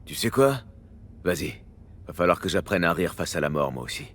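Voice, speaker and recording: A streetwise techie mercenary in a video game. His voice sits low and he talks in a casual, matter-of-fact way, skeptical but loyal underneath. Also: sing-song, fairly quick, a bit bright, full character voice. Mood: resigned, tender. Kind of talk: video game acting in French.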